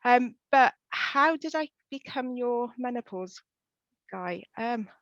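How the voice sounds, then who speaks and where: A woman's voice: on the high side, animated, slow pace, fairly bright tone, no room sound. Woman, welsh accent, chatty, lots of ums, dry dull lo-fi audio. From West Wales. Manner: chatty, frequent fillers, quoting herself. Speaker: pelvic health physiotherapist guest. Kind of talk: casual interview chat.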